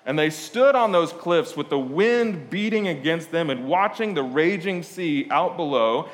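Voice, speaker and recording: A man's voice: on the high side, lively intonation, a little slow. Chatty preacher man in a reverberant hall. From Portugal. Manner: conversational storytelling with frequent "uh" fillers and asides. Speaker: pastor. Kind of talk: sermon.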